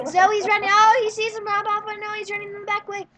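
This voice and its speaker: A woman giving casual, rambling play-by-play commentary on a match, with quick sarcastic asides. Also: extremely high pitch, monotone, bright, forceful tone. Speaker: gameplay commentator.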